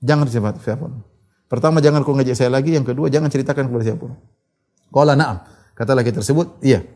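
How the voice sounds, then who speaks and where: A male preacher tells a story in a sermon, quoting Arabic lines and then translating them in a lively storytelling manner. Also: medium pitch, fast talker. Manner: animated retelling, quotes Arabic then translates. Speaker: Islamic preacher.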